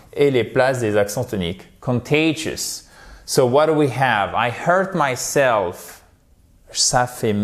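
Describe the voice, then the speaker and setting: Chatty male teacher drilling English words. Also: medium pitch. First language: French. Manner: chatty, jokey, switches between French and English; drills words slowly, repeating them for pronunciation. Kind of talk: vocabulary lesson for French speakers.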